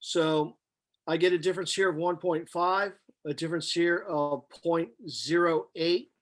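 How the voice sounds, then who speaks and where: A chemistry lecturer with a somewhat high voice works through problems step by step in class. He thinks aloud with halting pauses, and his delivery stays flat and matter-of-fact.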